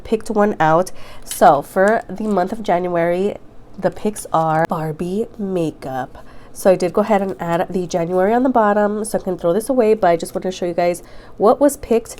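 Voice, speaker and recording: A woman's voice: mid-range voice, moderate pace, a little mellow. Chatty young woman with a stuffy nose. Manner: chatty, upbeat, says "girl" and "go ahead". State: congested, nasal from a cold. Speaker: makeup vlogger. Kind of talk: casual chat to camera.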